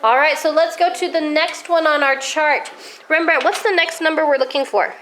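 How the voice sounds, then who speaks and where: A woman's voice: sits high, steady tone, moderate pace, a bit bright, a little hiss or hum. A woman teaching a math lesson to a class of children, encouraging them and asking questions, her voice worn and close to giving out. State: coughing, losing her voice.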